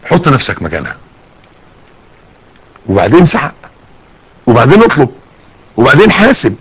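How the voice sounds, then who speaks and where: Lively Egyptian preacher man. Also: medium pitch, normal speed, husky, low-quality recording. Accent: Egyptian Arabic. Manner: lively, acts out little scenes with rising and falling voice. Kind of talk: sermon.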